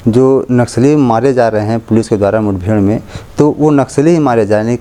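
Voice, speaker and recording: Male interviewer, polite but probing, mellow dark tone. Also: mid-range voice.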